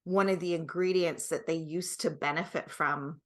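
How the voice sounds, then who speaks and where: In a low, steady voice at a moderate pace, a middle-aged woman explains things as a guest expert and product creator. She is conversational and emphatic, often checking that the listener is keeping up.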